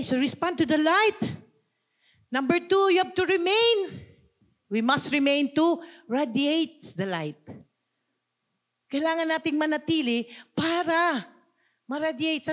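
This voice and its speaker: A woman pastor with a Filipino accent preaching a sermon, switching between languages and asking the congregation questions. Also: high-pitched. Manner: mixes two languages, asks the congregation questions.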